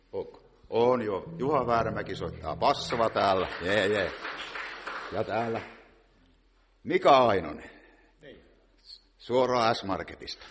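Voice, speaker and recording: A man from a visiting choir, talking in a joking, rambling way at a church service. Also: on the low side. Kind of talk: humorous talk at a church service. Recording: reverberant church hall with faint noise.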